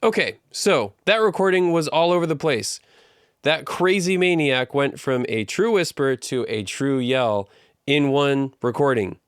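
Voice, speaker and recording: A man's voice: mid-range voice, measured pace, clean tone, no echo. Upbeat man explaining audio gear, dry sound. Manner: upbeat, joking, conversational explainer. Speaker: audio engineering instructor. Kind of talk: screen-recorded tutorial.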